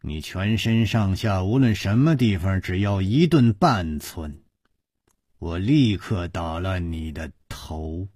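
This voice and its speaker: A man voicing a cold, hard, furious woman in a spoken storytelling piece, low and sometimes hissing. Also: animated, takes it slowly, a little mellow, breathy edge, no room sound, studio quality, exaggerated voice. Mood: cold threat.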